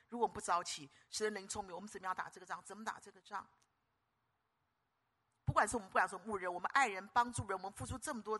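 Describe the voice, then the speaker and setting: An older woman preaching a sermon, moving between hushed storytelling and loud, rousing calls to the congregation. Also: medium pitch, breathy edge. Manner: animated, swings from hushed storytelling to loud exhortation.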